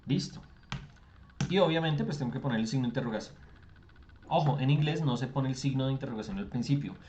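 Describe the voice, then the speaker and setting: A man teaches an online class in a chatty, easygoing way, answering his own rhetorical questions. His voice sits at an ordinary middle pitch. The sound is a little dull and muffled, as video-call audio tends to be. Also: fast talker, a little mellow, slight background noise. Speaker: English tutor.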